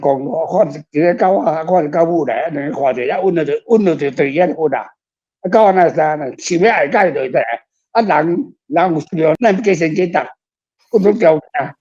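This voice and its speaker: An older male author with a Taiwanese accent speaks as a guest, talking casually and reflectively about his own writing and often adding tag questions. His voice is on the high side with a dark tone, and the recording sounds muffled and slightly dull.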